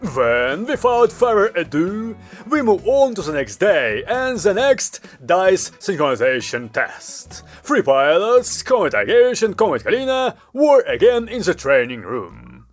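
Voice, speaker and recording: A man narrating a comic audiobook with an animated, expressive delivery. His voice sits fairly high and rises and falls widely. Faint music plays behind him. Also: measured pace, few pauses. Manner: lively, expressive storytelling. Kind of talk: scripted narration. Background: background music.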